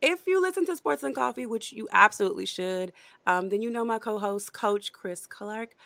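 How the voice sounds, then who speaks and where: A woman's voice: medium pitch, expressive, normal speed, gravelly, a bit bright, no echo. A woman hosting a casual sports podcast, chatty and upbeat with lots of fillers. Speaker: podcast host.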